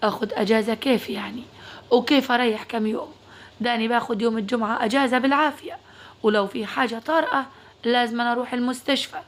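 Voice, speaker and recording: A woman's voice: fairly high pitch, steady tone, quick pace, natural voice. Woman voicing a firm young Upper Egyptian doctor.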